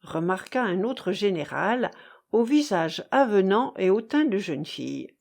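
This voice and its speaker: Brief: woman audiobook narrator, slow and measured, with a lively, wide-ranging pitch. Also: gravelly. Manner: measured, expressive reading. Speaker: audiobook reader. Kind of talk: scripted narration.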